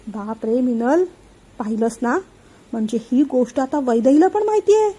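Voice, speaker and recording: A woman's voice: high voice, normal speed, warm tone, slightly rough, poor audio. Woman reading as a fretful, gossipy mother. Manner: complaining, gossipy. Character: suspicious middle-aged mother fretting over son.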